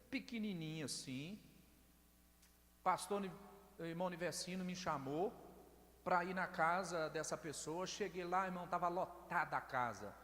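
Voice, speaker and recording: Animated high-voiced Mineiro pastor preaching. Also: male voice. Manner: storytelling, addresses congregation as brothers. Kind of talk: evangelical sermon with testimony. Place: church service hall. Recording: long church-hall reverb.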